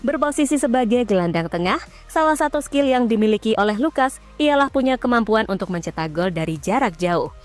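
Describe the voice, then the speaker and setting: Woman narrating football news, fairly high voice. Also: animated, fairly quick. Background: faint background music.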